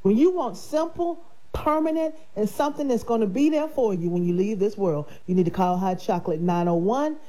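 With a medium-pitched voice at a fairly quick clip, a woman chats on her radio show and sells life insurance. She sounds grateful and warm, laughs often, and carries a nasal sound from her sinuses.

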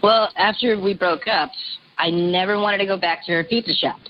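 A man calling in to a radio show, his voice disguised by a voice changer, telling his confession in a calm, matter-of-fact way. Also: sits high, normal speed, lo-fi sound, crowd noise. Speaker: radio call-in guest. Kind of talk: casual confessional storytelling.

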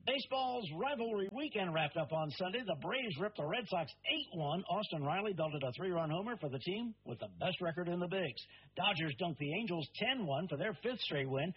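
A man reading a brisk, punchy radio sports roundup, taped off the radio. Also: high voice, breathy edge. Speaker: sports newscaster. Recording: lo-fi radio recording.

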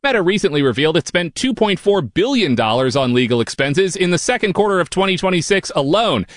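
A man delivers a scripted news report. His voice is a little high and very animated, recorded dry and close. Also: a little fast, no echo. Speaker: news correspondent.

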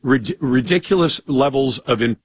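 A man in his sixties hosting a talk radio show, brisk and opinionated. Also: mid-range voice, husky, no echo, studio quality. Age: 60s.

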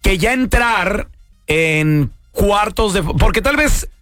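A man with a Mexican accent hosting lively radio banter, joking and talking over his co-hosts. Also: high-pitched, no room sound, faint music behind. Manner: joking, talks over others, quick slang. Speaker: radio host.

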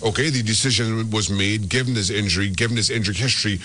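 A man's voice: fairly low pitch, quick pace, pushed and bright, a little hiss or hum. A man from Trinidad and Tobago, giving soccer analysis as a radio guest and often restarting his words. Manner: repeats and restarts words when making a point. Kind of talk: radio sports talk.

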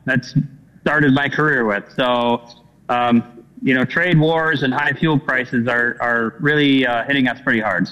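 A man's voice: mid-range voice, fairly even intonation, unhurried, pushed and bright. A dairy farmer from Wisconsin, a man, talking folksy and plain in a remote news interview over a poor rural internet connection. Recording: dull lo-fi remote call audio.

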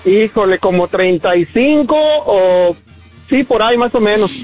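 A Mexican man in his fifties with a high voice calls into a radio show. He sounds relaxed, good-humored and devout. The phone line is dull, with some faint music behind him. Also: unhurried. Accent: Mexican Spanish. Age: 50s. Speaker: caller. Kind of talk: phone-in chat.

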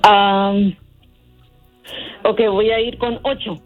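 A woman's voice: mid-range voice, flat delivery, very slow, narrow, tinny audio, over music. A woman calling in to a radio quiz, answering in a friendly, hesitant way. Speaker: caller. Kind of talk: radio call-in.

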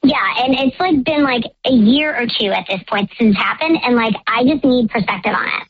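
A woman's voice: a little high, lively intonation, a little fast, narrow, tinny audio. A woman calling in to a radio show to tell a story about a strange guest, with her voice disguised by a voice changer. She talks in a chatty way, filling her sentences with "like". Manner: chatty, fills speech with "like". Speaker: caller confessing a secret on a radio show. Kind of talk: telling a personal story.

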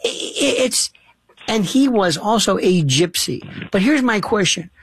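A man hosting a casual talk-radio conversation, asking animated, probing questions and often restarting his sentences. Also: high voice, unhurried, husky.

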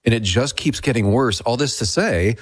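A man's voice: medium pitch, normal speed, no room sound, studio quality. Earnest male radio ad voice. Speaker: ad announcer. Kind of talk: radio ad read.

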